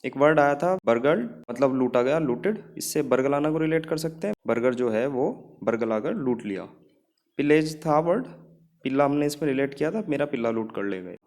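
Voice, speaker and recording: A man's voice: medium pitch, lively intonation, normal speed, a little mellow. A man teaching English vocabulary in Hindi, mixing in English words and often checking in with "ठीक है" as he gives memory tricks.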